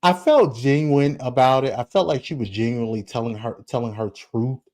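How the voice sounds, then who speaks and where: A mellow, medium-pitched man in his forties talks at a normal speed as a celebrity gossip vlogger. He chats straight to his viewers in casual commentary, scattering asides and tossing in a rhetorical "okay?" again and again.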